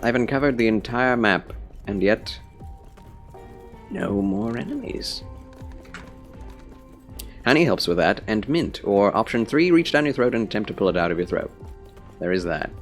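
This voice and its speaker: A man's voice: fairly low pitch, animated, moderate pace, pauses often, faint music behind. A man with a scratchy, phlegmy voice, tired and under the weather, chatting casually as he streams a game and talks to viewers in a rambling way. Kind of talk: casual livestream chat with game commentary.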